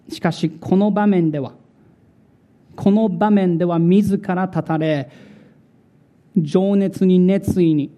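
A male pastor preaching a sermon in a slow, dramatic way, repeating words for emphasis. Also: fairly high pitch, warm tone.

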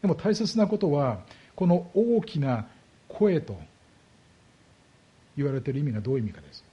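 A man's voice: on the high side, very animated, breathy edge, muffled recording. A man preaching a sermon as a pastor, explaining scripture and asking his congregation rhetorical questions. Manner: slows down heavily on key words.

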